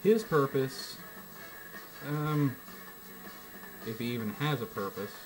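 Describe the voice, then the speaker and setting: A man reviewing a video game as he plays, giving casual commentary in short, halting phrases with asides. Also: medium pitch, expressive, music in the background, rough recording.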